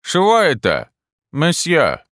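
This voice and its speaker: Man voicing a shrill eighty-two-year-old Frenchwoman, indignant, broken grammar, high squeaky pitch, drawn-out words, storybook reading. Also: huge pitch swings, fairly bright tone, dry recording, studio quality, exaggerated voice. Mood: bewildered. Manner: broken grammar, foreign-sounding speech.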